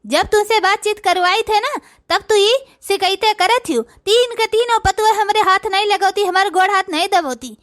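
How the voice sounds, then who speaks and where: A woman's voice: very high-pitched, normal speed, few pauses, fairly bright tone. Woman doing a sassy young Awadhi daughter-in-law. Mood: scheming. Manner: sassy, boastful, talks to the audience. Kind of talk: comic cartoon dialogue.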